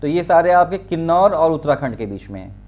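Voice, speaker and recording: Man teaching a map lesson, fairly high voice. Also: very animated, fairly quick, a little mellow, muffled recording. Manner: repeats place names, points out spots with many fillers; addresses students directly, checks understanding. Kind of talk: exam-prep lecture over a map.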